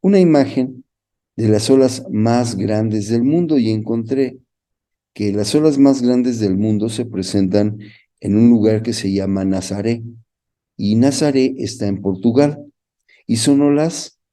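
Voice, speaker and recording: Speaking at a measured pace in a warm, mid-range voice, a man with a Mexican Spanish accent teaches a Bible course lesson. He reads scripture aloud and puts questions to the listener.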